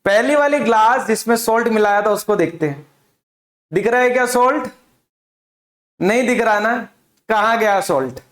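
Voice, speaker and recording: A man's voice: high-pitched, lively intonation, moderate pace, pauses often, fairly bright tone. Echoey male chemistry teacher. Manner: asks and answers his own questions; repeats key terms. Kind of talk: classroom lecture with demonstration. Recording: echoey room.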